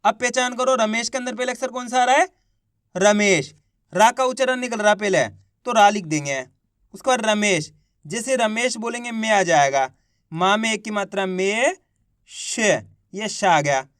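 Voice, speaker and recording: A man's voice: sits high, normal speed, fairly bright tone, clear, resonant tone, no room sound, studio quality. A man teaching an online spelling lesson, repeating each word and quizzing the viewers patiently. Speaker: Hindi teacher.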